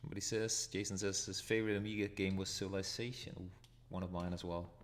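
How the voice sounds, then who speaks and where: Slight background noise sits under this fast, low, steady voice. He's from Denmark, speaks with a Danish accent and runs a retro gaming channel, narrating live and thinking out loud as he plays, chuckling whenever his character dies.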